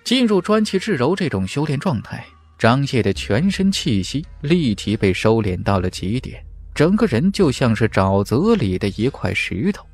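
Over background music, a male narrator delivers a fantasy novel as dramatic scripted narration. His mid-range voice is sing-song and darkish, moving at a moderate pace with hardly any pauses, and his storytelling is theatrical and emphatic.

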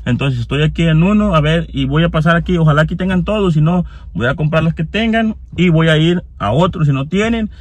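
A man with a Mexican Spanish accent vlogging casually on his phone, telling a story in an animated way and acting out both sides of an argument. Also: on the high side, a little fast, hardly any pauses. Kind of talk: casual vlog chat.

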